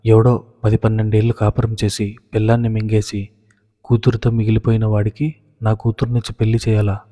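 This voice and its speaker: A man voicing an angry, strict middle-aged father who shouts accusations. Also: fairly low pitch, completely flat delivery, a little fast, in a large hall, close to an everyday voice. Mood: furious.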